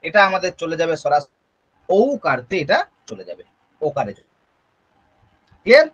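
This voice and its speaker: A man's voice: a little high, very animated, normal speed, fairly bright tone, dull audio. A man with a Bengali accent teaching a Sanskrit grammar lesson, explaining step by step and checking in with students through frequent questions. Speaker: Sanskrit tutor. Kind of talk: exam-prep grammar lesson.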